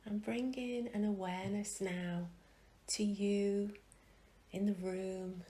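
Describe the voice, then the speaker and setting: A woman's medium-pitched voice, with fairly even intonation, guides a soothing meditation. She speaks softly, her phrases dissolving into whispers with long pauses in between.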